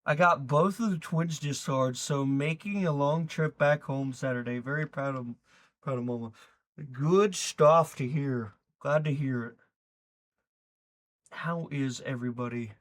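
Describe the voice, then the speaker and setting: A man's voice: medium pitch, unhurried. A man streaming live, reacting to a video in loose, rambling chat, swearing and talking to his viewers.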